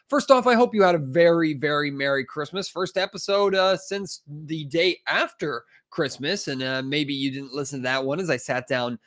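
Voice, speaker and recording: Commentary on a casual sports podcast comes from a congested man with a stuffy cold, his fairly high, fairly bright voice moving at a moderate pace with few pauses. He speaks emphatically, with frustration and lots of fillers.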